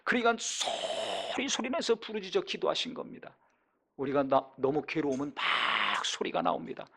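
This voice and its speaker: A pastor preaching a sermon, emphatic and full of rhetorical questions, his voice swinging between loud and quiet. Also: on the high side, wildly swooping pitch, normal speed, gravelly, slightly rough.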